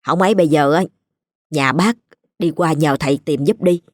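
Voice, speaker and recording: A woman's voice: sits low, moderate pace, dry recording, studio quality. A woman voicing an urgent, chatty village neighbor.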